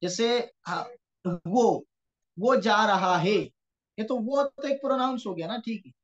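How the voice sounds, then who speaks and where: A man's voice: high voice, a little slow. Man teaching an online grammar class. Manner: explains patiently, often checks in with the students. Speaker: Quranic Arabic teacher. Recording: dull lo-fi online class audio.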